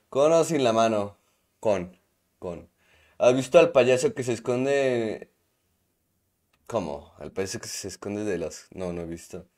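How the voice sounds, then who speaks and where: A man's voice: mid-range voice, a little mellow. A young man with a Mexican accent, chatting casually and joking while reading his stream chat aloud. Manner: joking banter, reads chat aloud, slangy.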